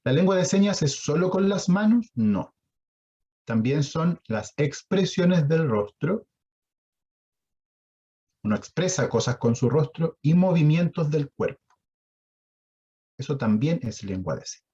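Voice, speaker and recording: Husky Chilean man teaching online. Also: on the high side, lively intonation, measured pace, long pauses, warm tone, dull audio. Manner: explanatory, asks the audience questions. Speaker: sign language instructor. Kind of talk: online lecture.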